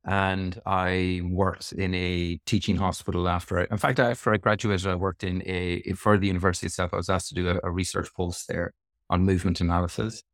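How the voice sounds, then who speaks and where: A man's voice: deep voice, no echo, clean studio sound. A middle-aged man with a west of Ireland accent, explaining things reflectively as a guest in a conversational interview. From Sligo, west of Ireland.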